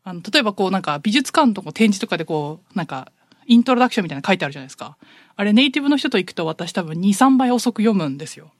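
A woman's voice: medium pitch, racing, no room sound. Woman co-hosting a chatty podcast, voice swings up and down a lot, laughs a bunch, dry close mic. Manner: animated storyteller who laughs often. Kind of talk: casual chat.

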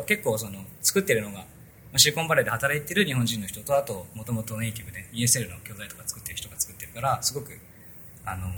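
A man's voice: fairly low pitch, a bit bright, a little hiss or hum. A man hosting a casual tech podcast, chatting loosely through a sponsor spot with many fillers. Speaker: podcast host.

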